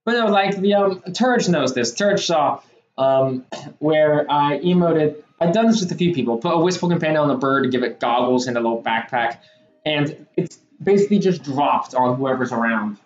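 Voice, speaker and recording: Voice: medium pitch, normal speed. A streamer chatting casually while role-playing in a game, talking in a rambling, hesitant way with plenty of fillers. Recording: roomy, dull sound with soft music underneath. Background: game soundtrack music.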